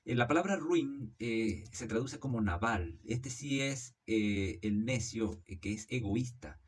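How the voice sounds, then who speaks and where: A man reading Bible verses aloud and explaining them, in a measured delivery with frequent "eh" fillers and "¿ok?" checks, often correcting himself mid-sentence. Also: medium pitch, animated, husky. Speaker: Bible teacher.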